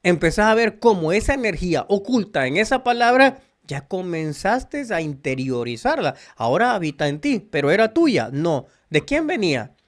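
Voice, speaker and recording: Speaking straight to his viewers, a spiritual channel host from El Salvador gives an earnest, preachy monologue in a Salvadoran Spanish accent. His high-pitched voice swings widely in pitch, moving at a moderate pace with few pauses.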